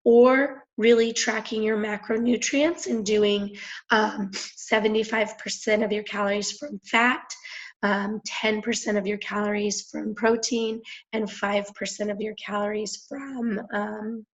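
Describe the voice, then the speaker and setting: A young woman with a hoarse, raspy voice, chatting enthusiastically with lots of fillers as she hosts a conference call. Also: medium pitch, level tone, a little slow. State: hoarse, clearing throat. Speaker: independent promoter hosting a conference call. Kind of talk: casual phone-call presentation. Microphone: phone or conference line. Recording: dull lo-fi conference call audio.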